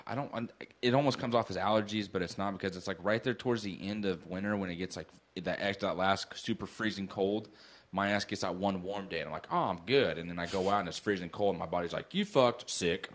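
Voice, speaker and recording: Man, fairly low voice, casual co-host banter, slangy, griping, self-deprecating. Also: fairly even intonation, fast talker. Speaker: talk show co-host.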